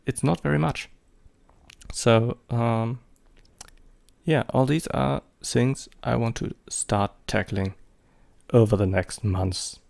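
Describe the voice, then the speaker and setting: Speaking slowly in a steady, mid-range voice with vocal fry and a touch of mellowness, a photography vlogger in his thirties rambles casually in English. He's a native German speaker with a German accent and leans heavily on fillers and hesitations.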